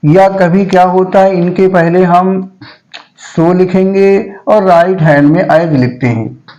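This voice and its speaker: A male teacher giving a grammar lesson, saying each word slowly and repeating it several times so students can follow. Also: high voice, fairly even intonation, warm tone, muffled recording.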